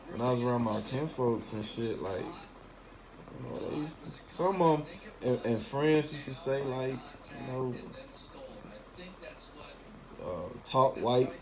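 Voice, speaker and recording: Poor audio captures a mid-range male voice: a Memphis talk host with a Southern accent rambling casually and opinionatedly, swearing a lot in blunt slang.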